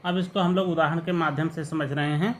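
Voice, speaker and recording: A man teaching Sanskrit grammar in a patient lesson, repeating each example word slowly. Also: on the high side, steady tone, a little hiss or hum. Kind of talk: explanatory lesson.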